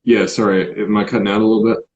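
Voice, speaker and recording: A man's voice: fairly low pitch, little pitch movement, quick pace, darkish tone. A man chatting casually over an internet call whose audio is breaking up and cutting out. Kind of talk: casual chat. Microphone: remote online call. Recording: muffled lo-fi call line, faint noise.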